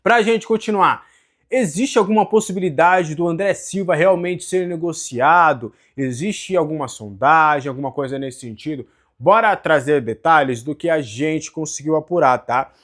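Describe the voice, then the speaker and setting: A man's voice: a little high, moderate pace, a bit bright. A Brazilian man with a Brazilian Portuguese accent, a sports journalist giving conversational football news commentary to his viewers. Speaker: sports journalist and channel host.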